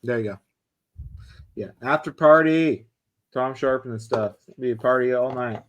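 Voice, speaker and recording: Man, mid pitch, easygoing teasing co-host, casual chat. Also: level tone, slight background noise. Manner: easygoing, teasing, quick to laugh. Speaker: co-host of a knife show.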